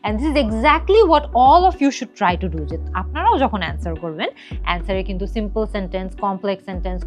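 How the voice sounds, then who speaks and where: A woman working as a language-test instructor, patiently explaining a candidate's answers and quoting phrases to correct them. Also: medium pitch. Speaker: IELTS instructor and mock examiner. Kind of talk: teaching feedback, switching between two languages.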